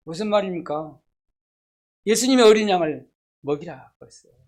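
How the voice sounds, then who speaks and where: A pastor delivers an emphatic sermon, firing rhetorical questions at the congregation. The voice rises to loud emphasis, then drops to soft, low asides. Scripture quotes are read slowly and deliberately. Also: animated. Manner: reads scripture quotations slowly.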